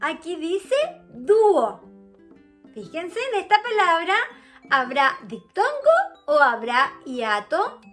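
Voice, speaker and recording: High, sing-song woman teacher. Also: sing-song, slow pace, fairly bright tone, faint music behind. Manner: patient, sing-song teacher voice with stretched key words. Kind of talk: online grammar lesson for children.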